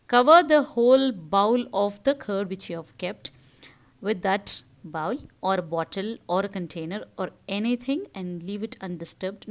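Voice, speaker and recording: A woman with an Indian Tamil accent hosting a casual how-to vlog, explaining things step by step in an instructive way. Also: medium pitch. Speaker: home-tips vlog host.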